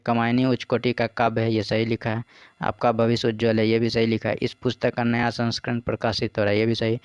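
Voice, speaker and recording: A man's voice: medium pitch, smooth, no room sound, muffled recording. A man patiently explaining practice exam questions as a teacher. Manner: patient, repeats "ठीक है" and "देखिए".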